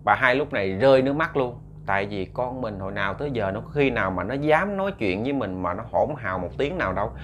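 A man's voice: medium pitch, expressive, fast, few pauses, highs cut off, slight background noise. A young man with a Southern Vietnamese accent narrating a ghost story, chatty and speaking straight to his listeners. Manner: chatty, addresses listeners directly. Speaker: storyteller host.

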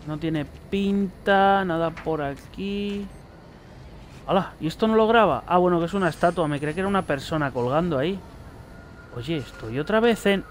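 A man's voice: sits high, slight background noise. A young man, commenting casually on a horror game as he plays, swearing and chatting to the characters. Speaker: gaming YouTuber. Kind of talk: let's play commentary.

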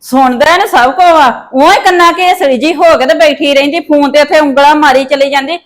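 A woman playing a long-suffering, sharp-tongued older village mother in a family drama, grumbling. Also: high voice, steady tone, fairly quick, lightly acted. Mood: irritated scolding. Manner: complaining, grumbling. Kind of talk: acted family drama dialogue.

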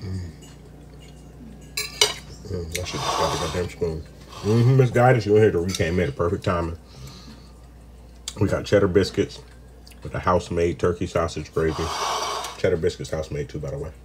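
A playful home cook goes live from his kitchen, talking to chat and humming while eating in a casual stream. His deep voice moves at normal speed with frequent pauses, over background noise of clinking dishes, cutlery, pots and pans.

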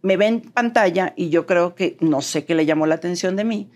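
This Mexican woman, interviewed as a guest, has a neutral accent and a voice on the low side at normal speed. She tells her story animatedly, acting out what was said.

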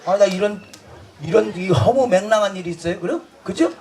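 Man, high voice, festival stage comedy, rowdy banter with the crowd, crude jokes, laughing as he talks. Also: fairly quick, a little mellow, slight background noise. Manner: laughs through his lines. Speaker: street comedy performer.

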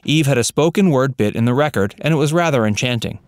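A man narrating a scripted voice-over, reading facts in an even, read-out way. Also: mid-range voice, quick pace, a little hiss or hum.

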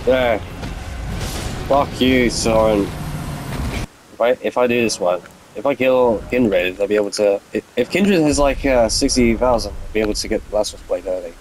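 A man's voice: fairly low pitch, normal speed, background noise. A young man giving let's play commentary, swearing constantly and raging at the game. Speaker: gamer.

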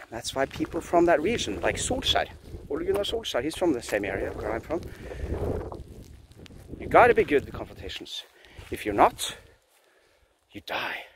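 In a pine forest, a man from Norway in his forties talks earnestly into a phone held out at arm's length, vlogging a casual philosophical monologue with frequent restarts. He has a Norwegian accent and a mid-range voice, and the background is noisy.

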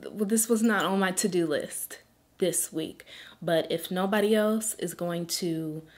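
Earnest, slow-talking woman holding back tears. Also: lowish voice. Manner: earnest, pleading, fights tears, drops to soft whispers. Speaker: beauty influencer. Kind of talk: emotional faith vlog.

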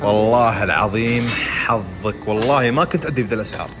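A young man, bantering loudly and teasingly in a comedy skit, swearing oaths as he goes. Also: on the low side, fast talker, over music.

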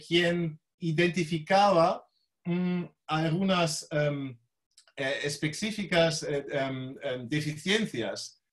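A man who is not a native Spanish speaker gives an academic talk with a foreign accent, halting and often searching for words. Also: fairly high pitch. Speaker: law professor, visiting lecturer.

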